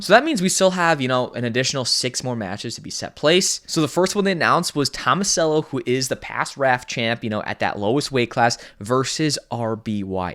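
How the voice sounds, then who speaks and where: Young man, twenties, casual vlogger; eager, chatty, filler-heavy delivery at a middling pitch. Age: 20s. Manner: excited, rambling, heavy on "like" and "you know" fillers. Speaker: vlogger and wrestler. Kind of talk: casual to-camera vlog.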